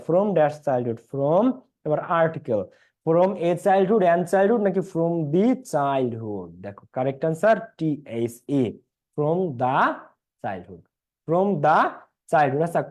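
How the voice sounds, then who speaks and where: A man's voice: fairly high pitch, darkish tone. A young man with a Bangladeshi Bengali accent teaching an English class online, repeating points and quizzing his students.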